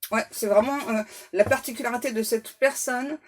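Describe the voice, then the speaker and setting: A woman's voice: on the high side, fairly even intonation, normal speed. A woman doing a casual tarot reading to camera, chatty and joking, breaking off to banter with her spirit guides and laughing at herself. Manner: self-mocking, laughs at herself. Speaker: tarot card reader.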